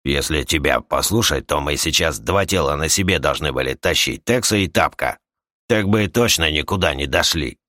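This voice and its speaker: A man voicing a calm, gruff male prospector who talks in short, blunt lines in an audiobook. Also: extremely low pitch, moderate pace, no echo, studio quality, full character voice. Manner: terse and blunt. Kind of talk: audiobook character voice.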